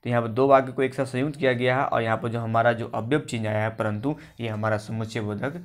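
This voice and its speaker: A man's voice: medium pitch, steady tone, fast talker. Man explaining grammar to exam students. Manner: explanatory, repeats points and asks himself questions. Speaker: teacher. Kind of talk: exam-prep grammar lesson. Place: coaching class recording.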